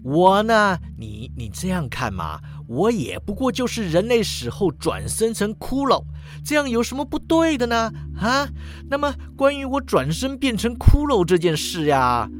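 In a storybook reading, a man voices a cheeky old male skeleton necromancer, using a slightly high, bright, forceful full character voice with big pitch swings and an unhurried pace. The character sounds whiny, wheedling, self-pitying and argumentative.

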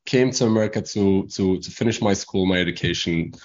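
A young man from Morocco speaks in a very deep voice, English being his second language. He rambles through his answers with frequent fillers and false starts. The recording is a little dull and lo-fi. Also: brisk. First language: not English. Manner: rambling, many restarts and fillers. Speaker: guest entrepreneur. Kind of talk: casual interview talk.

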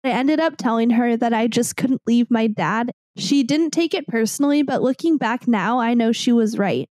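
A woman's voice: fairly high pitch, darkish tone, dry recording. A young woman speaking candidly and emotionally about her grief, at times on the edge of tears. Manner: emotional, candid, swears when angry. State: tearful. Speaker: guest. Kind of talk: personal testimony.

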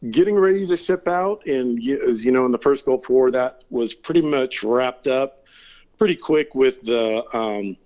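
A middle-aged man from California appears as an interview guest, casually telling stories in a laid-back way and laughing between them. His voice is medium-pitched, a little mellow and moderately paced, with the highs cut off.

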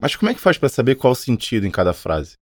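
A man with a Brazilian Portuguese accent plays the curious, joking student on a scripted language podcast. He talks quickly with a lively, varied melody. The recording is close and dry. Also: medium pitch, dry recording. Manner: curious, questioning, jokey. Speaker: podcast co-host playing the learner. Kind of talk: scripted educational podcast dialogue.

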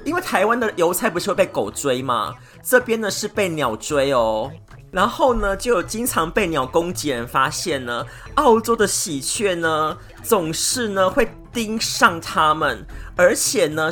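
A woman's voice: on the low side, fairly bright tone. A woman hosting a solo podcast, chatting to her listeners and stretching out little filler particles. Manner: chatty, many drawn-out filler particles, addresses listeners directly. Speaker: podcast host.

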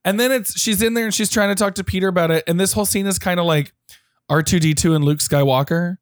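A man co-hosting a casual podcast chat, joking and animated, full of quick asides. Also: sits high, no echo, studio quality. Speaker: podcast co-host.

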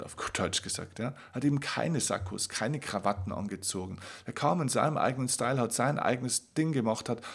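A man hosting a podcast episode, giving an emphatic motivational monologue straight to the listener and slowing down to stress key words. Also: mid-range voice, slightly rough. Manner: addresses the listener directly. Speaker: podcast host.

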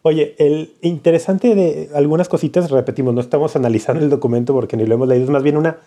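A man's voice: a little high, quick pace, mellow. A man co-hosting a casual podcast, explaining points patiently and teasing his co-host playfully.

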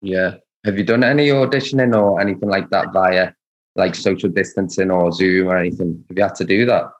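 A man hosting an interview, asking loose, rambling questions in a relaxed, casual way. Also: sits low, a little fast. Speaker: podcast interviewer. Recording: roomy echo.

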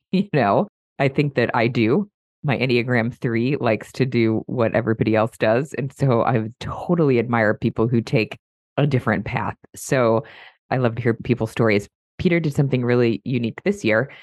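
Hoarse woman hosting a podcast. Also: rumbling low, dry recording, studio quality. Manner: chatty and upbeat, warm enthusiasm for the guest. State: hoarse from a cold, voice mostly lost. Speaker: podcast host. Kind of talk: casual podcast intro.

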